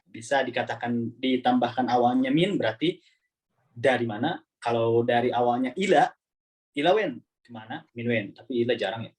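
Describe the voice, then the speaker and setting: A man's voice: medium pitch, moderate pace. Chatty male online language teacher. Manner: relaxed, chatty, repeats words while explaining. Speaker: Arabic teacher.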